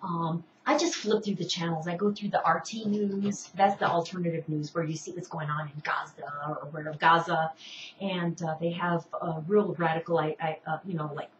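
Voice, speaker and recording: A woman's voice: on the low side, steady tone, moderate pace, a little hiss or hum. Rambling woman on a distant, roomy mic. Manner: rambling, many restarts and asides. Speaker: online show host. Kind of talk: casual personal storytelling. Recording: distant, roomy, dull home recording.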